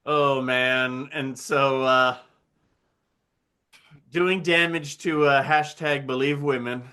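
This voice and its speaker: Bright-toned man riffing on a movie. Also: mid-range voice, steady tone, slow pace, smooth. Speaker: podcast co-host. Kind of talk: casual movie commentary chat.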